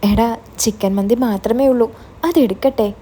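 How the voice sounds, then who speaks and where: A fatherly older restaurant cashier in a storybook audio tale, voiced by a woman narrator. He speaks in a gentle, mellow and friendly way. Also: on the high side, normal speed, breathy edge.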